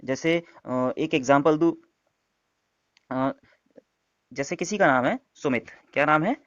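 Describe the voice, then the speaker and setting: A man's voice: fairly high pitch, a little slow, no echo. A man giving an online exam-prep lesson, explaining step by step and answering his own questions. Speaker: teacher. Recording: dull, dry lo-fi sound.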